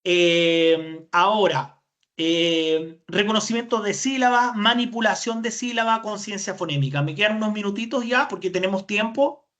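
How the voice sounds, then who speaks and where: A woman's voice: medium pitch, normal speed, fairly bright tone. A woman with a Chilean accent presents a webinar lecture as a speech therapist. She explains methods step by step. She often puts a question to her listeners and answers it herself. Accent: Chilean Spanish.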